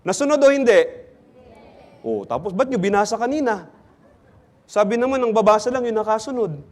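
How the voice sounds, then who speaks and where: Man, pastor, high-pitched, interactive sermon, jokey questions to the congregation. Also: sing-song, a little fast. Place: church.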